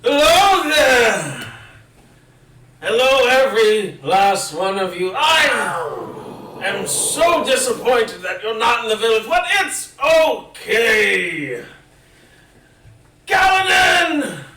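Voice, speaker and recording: A man booming as a creepy dragon rider, magically amplified. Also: very animated, reverberant, distant mic, noisy background, heavily acted. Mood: gloating. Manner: loud, slow, gloating, theatrical. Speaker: game master. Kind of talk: tabletop game voice acting.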